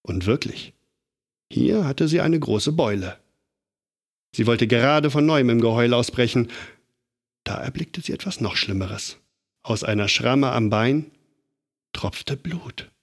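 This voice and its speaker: Male storyteller, middle-pitched, expressive and lively children's book reading. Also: measured pace, pauses often. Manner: animated, dramatic build-ups.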